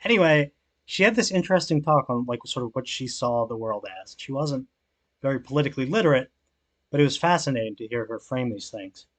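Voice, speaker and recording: A man's voice: mid-range voice, lively intonation, fairly quick. A young man chatting casually while streaming a game, rambling with lots of fillers and swearing, and reading out and answering viewer messages. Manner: reads chat aloud and answers it. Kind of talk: relaxed gameplay stream chat.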